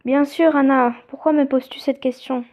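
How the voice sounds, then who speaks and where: A woman voicing a calm, polite young woman from a mobile game, reading her lines plainly. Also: sits high, moderate pace, close to an everyday voice. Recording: tinny phone-like sound.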